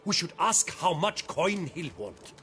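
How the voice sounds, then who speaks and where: A man voicing an excitable, superstitious male quarry worker in a game fan dub, talking in a breathless, dramatic way. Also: sits high, a little slow, faint music behind, heavily acted. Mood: excited.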